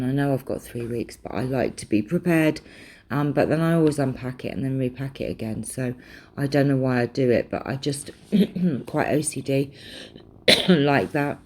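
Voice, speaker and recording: A young British woman from England, with a very deep, warm voice, chats casually in a craft vlog while showing her craft supplies. She rambles with lots of ums, sounding a little worn and throaty, as if slightly losing her voice, and clears her throat.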